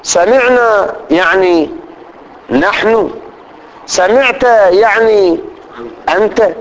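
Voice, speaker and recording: A man's voice: a little high, expressive, low-quality recording. Male grammar teacher drilling pronouns. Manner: drills pronoun lists slowly and checks the class. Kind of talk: classroom grammar lesson. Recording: faint background noise.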